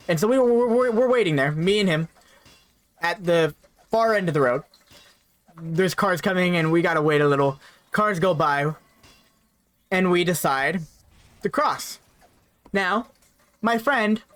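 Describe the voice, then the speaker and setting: A young man with a fairly high voice recounts a personal story in a casual storytime manner. He rambles, repeats himself and tags his sentences with "right?" asides. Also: a bit bright.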